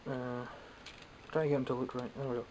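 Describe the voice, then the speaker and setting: Here a young Scottish toy collector discusses his latest haul in a brisk, flat, medium-pitched voice that's a little mellow, recorded on the camera mic as he stands behind it. He's casual, wry and self-deprecating, wandering off on tangents while sounding slightly phlegmy and coughing occasionally. Slight background noise runs through the rough recording.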